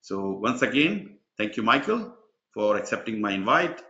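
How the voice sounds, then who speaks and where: A man with a lowish, sing-song voice and a sharp tone talks at normal speed, hosting an online webinar as an exam mentor. He's chatty and rambling, full of fillers. The video call audio sounds dull and echoey.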